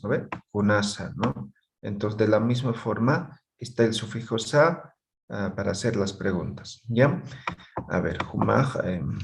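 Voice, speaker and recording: Male teacher, low gravelly voice, patient, keeps asking if students follow. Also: slight background noise. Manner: patient, checks understanding with frequent tag questions. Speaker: Aymara language teacher. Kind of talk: classroom lesson explanation.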